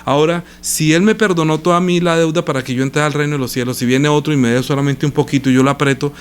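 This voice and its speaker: A man's voice: fairly high pitch, steady tone, fast talker, clean tone. A male pastor preaching a sermon, reading scripture aloud and stopping to explain it with rhetorical questions.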